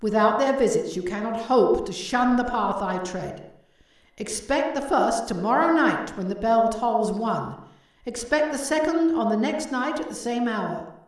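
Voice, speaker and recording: A woman's voice: fairly high pitch, lively intonation, measured pace. A woman voicing the ghost of a dead businessman, solemn and declaiming. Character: ghost of a dead old businessman, grave and mournful. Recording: heavy echo, distant from the mic.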